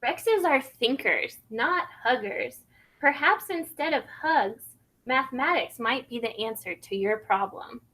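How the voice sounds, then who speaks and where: A woman voicing a grown dinosaur relative in a children's storybook, giving kindly, sure advice in a measured, instructive way. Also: fairly high pitch, lively intonation, sharp tone. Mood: matter-of-fact. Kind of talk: children's storybook read-aloud.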